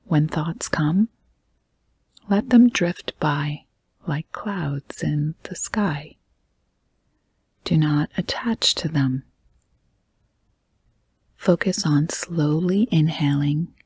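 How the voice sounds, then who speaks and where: Speaking in a low, very breathy voice that is almost a whisper, a woman guides a meditation. She goes slowly and gently, leaving calm pauses between her short phrases. The recording is close and dry, with no echo.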